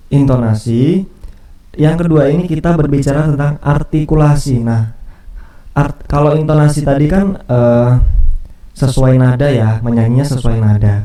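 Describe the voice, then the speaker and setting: Male teacher, mellow tone, casual lesson voice-over with fillers; roomy, off-mic recording. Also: mid-range voice, recorded from a distance. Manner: casual explaining with fillers and restarts. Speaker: music teacher.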